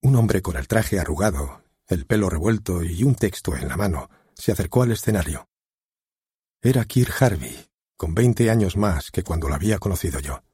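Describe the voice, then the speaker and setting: A man narrating an audiobook in a measured storytelling manner. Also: sits low, animated, mellow, breathy edge, dry recording, studio quality.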